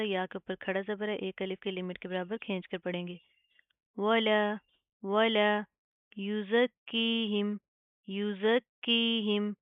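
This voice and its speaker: A woman teaching Quran recitation step by step, explaining each rule patiently, checking in often, and slowly sounding out each example word. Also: mid-range voice, clear, resonant tone, no room sound, phone-quality sound. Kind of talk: step-by-step tajweed lesson.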